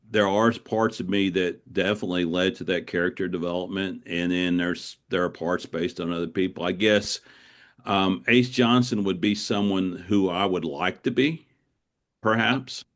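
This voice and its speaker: An author guest with a very deep voice gives conversational interview answers. He's reflective and anecdotal, often repeating words as he goes.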